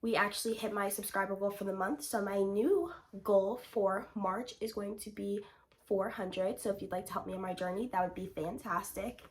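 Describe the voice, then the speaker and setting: A woman's voice: medium pitch, fairly even intonation, normal speed. A woman hosting her own commentary vlog, blunt and opinionated with casual swearing, sounding sick and short of breath from breathing through her mouth. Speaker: channel host.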